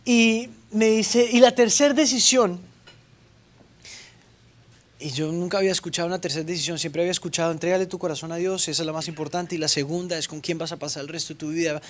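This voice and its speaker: A man's voice: high voice, steady tone, fast. A young man, a pastor, preaching a sermon and telling his story with playful asides and acted-out dialogue. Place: church stage.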